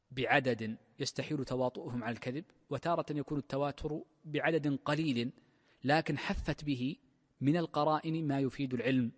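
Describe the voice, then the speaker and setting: A man, a sheikh, giving a classical lecture on a text of legal theory, explaining step by step with drawn-out fillers. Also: mid-range voice. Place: large mosque hall. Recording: long mosque-hall reverb.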